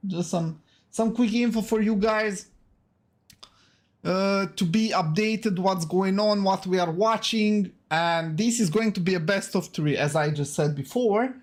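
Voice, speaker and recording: Speaking at a measured pace in a high voice, this Romanian-accented man from Romania runs a live esports stream on his own, commentating and pumping up viewers. His chatty talk is full of repeated words and constant "okay?" and "guys".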